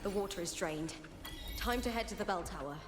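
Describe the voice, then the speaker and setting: An actress voicing a calm, determined young woman explorer in a game, speaking quietly as if thinking aloud. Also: mid-range voice, brisk, roomy sound, over music, close to an everyday voice. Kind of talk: game voice acting.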